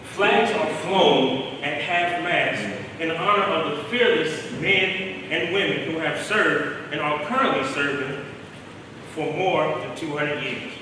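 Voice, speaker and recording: A man giving a keynote speech in formal, measured oratory. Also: fairly high pitch, background noise. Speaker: keynote speaker. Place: large hall. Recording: echoey hall from far off.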